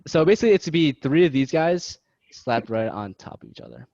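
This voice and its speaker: A man's voice: a little high, big pitch swings, fairly quick, darkish tone, dry recording. Young man tutoring casually over video call. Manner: loose, joking, self-deprecating. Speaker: student tutor. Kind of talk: casual study-session teaching. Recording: dull lo-fi video call audio.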